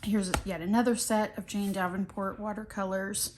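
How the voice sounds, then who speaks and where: Flipping through her art journal, this middle-aged woman talks at a moderate pace in a medium-pitched voice. She's sniffly and slightly hoarse from allergies, and her easygoing, meandering chatter is full of ums and false starts.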